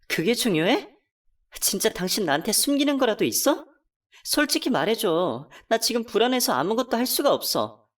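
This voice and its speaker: In this first-person radio drama, a woman voices a betrayed wife, hurt and furious, narrating her own story. Her delivery is emotional and sing-song at normal speed, pitch swinging widely and climbing as she accuses and pleads in angry hurt. The mic is slightly distant.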